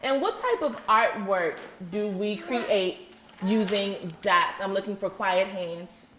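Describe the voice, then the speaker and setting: A female teacher reads aloud interactively to young children in an indoor classroom, speaking slowly in a medium-pitched, fairly bright voice. She offers encouragement and praise along with simple, repeated questions and instructions. The room sounds echoey, with faint noise behind her.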